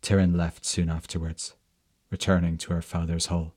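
Male storyteller, slow and measured narration, deep flat voice.

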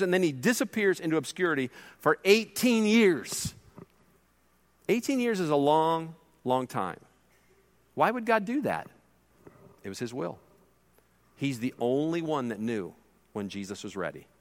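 A middle-aged man preaching a sermon as pastor, emphatic and swinging between loud and hushed delivery. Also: sits high.

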